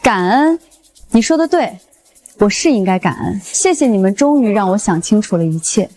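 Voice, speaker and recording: A woman's voice: mid-range voice, animated, moderate pace, dark tone, close to an everyday voice. An actress playing a wronged young wife who answers her in-laws with cool, cutting sarcasm. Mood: cold. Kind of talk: short drama acting.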